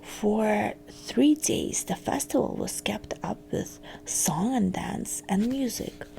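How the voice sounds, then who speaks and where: An expressive, mid-range voice whispers a fairytale for ASMR, breathy and crackly, with hushed phrasing broken by gentle pauses.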